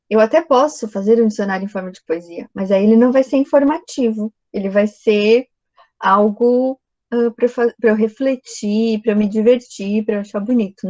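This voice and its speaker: A woman's voice: on the high side, darkish tone, low-quality recording. A woman teaching a recorded video lesson, explaining step by step and often checking in with the class.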